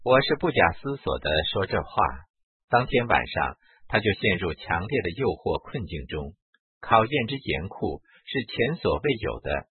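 A man reading a spiritual memoir aloud in the first person, measured and steady. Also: deep voice, husky, no room sound. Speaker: reader. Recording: tinny narrow-band recording.

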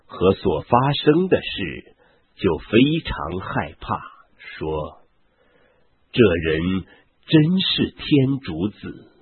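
A man slowly reading a Bible passage aloud in a measured way, with a husky voice. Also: low voice, no room sound. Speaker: scripture reader. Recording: tinny phone-like, dry sound.

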